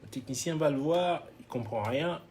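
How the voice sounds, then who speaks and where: A man casually telling a road anecdote as a guest, animated, acting out other people's lines and laughing often. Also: on the high side, moderate pace, a little hiss or hum. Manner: switches into English phrases mid-story. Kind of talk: casual storytelling.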